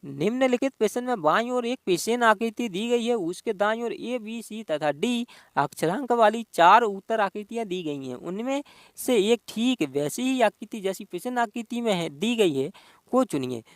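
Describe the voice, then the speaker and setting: A man's voice: sits high, animated, moderate pace, no room sound, clean studio sound. A male teacher giving an exam-prep reasoning lesson, explaining step by step and asking himself rhetorical questions.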